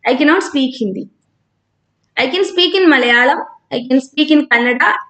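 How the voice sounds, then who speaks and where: A woman's voice: high voice, moderate pace, fairly bright tone. A woman from Kerala with a South Indian accent, teaching informally on a live stream and talking conversationally as she answers students. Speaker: online physics teacher.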